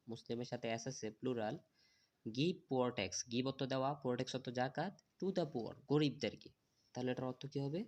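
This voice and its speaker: A man teaching English to children, spelling words letter by letter and translating each one. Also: mid-range voice.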